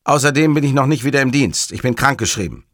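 A man voicing a grumpy, short-tempered male police commissioner who speaks bluntly and gruffly. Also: mid-range voice, very animated, normal speed, fairly bright tone, no room sound, studio quality. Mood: irritated gruff.

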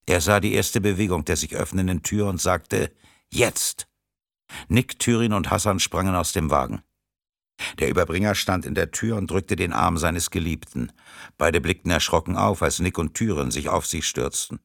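A man reading a thriller audiobook in a steady, measured narration. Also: sits low, vocal fry, dry recording, studio quality.

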